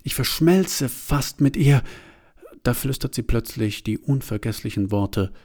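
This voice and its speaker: A man narrating a first-person story in a confessional way, turning from hushed to agitated. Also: medium pitch, animated, measured pace.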